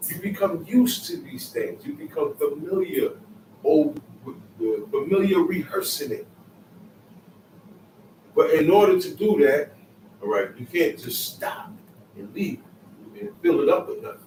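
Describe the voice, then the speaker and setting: Guy teaching bible on the sabbath, lively up-and-down voice, kinda high, mic far off in a roomy echoey space. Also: unhurried, long pauses, slight background noise. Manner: emphatic, repetitive, street-casual phrasing. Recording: echoey room, mic far off, faint ambience.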